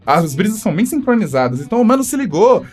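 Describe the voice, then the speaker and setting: A man's voice: high voice, very animated, quick pace, darkish tone, faint music behind. A Brazilian man telling a story in a casual chat among friends, acting out the voices and laughing often. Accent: Brazilian Portuguese. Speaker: podcast guest telling a story.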